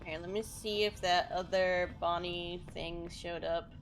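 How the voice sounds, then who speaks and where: A woman giving casual gaming commentary as a streamer, telling things in an animated way. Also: fairly low pitch, measured pace, faint music behind. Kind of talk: casual chat and commentary over gameplay. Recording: clear background noise.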